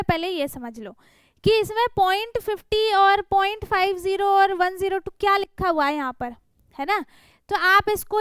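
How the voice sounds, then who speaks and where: A young woman with an extremely high, slightly bright voice explains a worksheet to small children, with no echo on the audio. She's patient, checking that they're following along with "theek hai" and "hai na".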